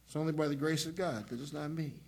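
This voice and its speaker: A male pastor preaching a sermon, swinging between hushed, prayerful passages and loud, shouted emphasis. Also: fairly high pitch, fast, a little hiss or hum.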